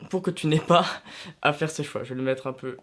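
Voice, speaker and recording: Speaking to his viewers in a casual to-camera vlog, a young man from France suggests films and series, often making fun of himself. His French-accented voice is on the high side and fairly quick.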